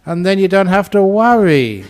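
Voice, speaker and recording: A man's voice: sits high, very animated, normal speed, voice pushed up. A man putting on a scolding know-it-all neighbour woman. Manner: scolding, emphatic.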